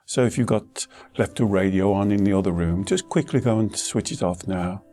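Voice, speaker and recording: With soft instrumental music behind him, a man speaks as a meditation teacher in a voice on the low side. His guidance is gentle, unhurried, and reassuring, broken into short phrases separated by pauses.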